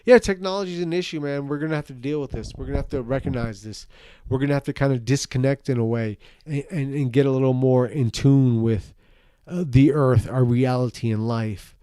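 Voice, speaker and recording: A man's voice: medium pitch, fairly quick, mellow, clean tone, no echo. A drunk man on a rambling rant to an online audience, earnest and emphatic, repeating himself and speaking bluntly. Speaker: parent giving personal opinions.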